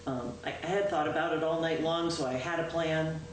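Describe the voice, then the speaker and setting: At a public meeting, the town clerk, a woman with a loud, deep voice and steady tone, reports informally to the board. She's chatty, saying "um" often and correcting herself. A far-off room microphone captures it in an echoey, noisy local-access recording of the meeting room.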